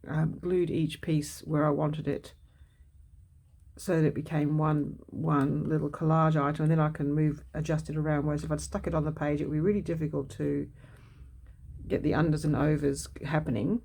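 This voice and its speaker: Gravelly, mellow-voiced woman crafting. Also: deep voice, level tone, moderate pace. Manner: muses aloud while working, self-correcting. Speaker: craft video host. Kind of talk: casual crafting narration.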